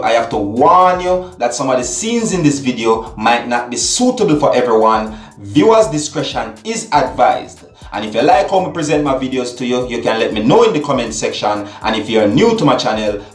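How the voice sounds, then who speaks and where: A man's voice: mid-range voice, reverberant. A man presenting a social media clip to his viewers, often turning to address them directly and repeating himself. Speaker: channel host. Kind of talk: video commentary.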